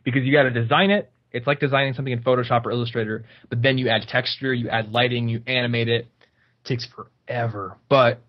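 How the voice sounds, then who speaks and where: A man's voice: mid-range voice, fairly even intonation, fast talker. A man speaking as a podcast guest, chatty and explaining things step by step with many fillers. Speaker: guest, YouTuber. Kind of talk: casual podcast interview. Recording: dull, slightly lo-fi sound.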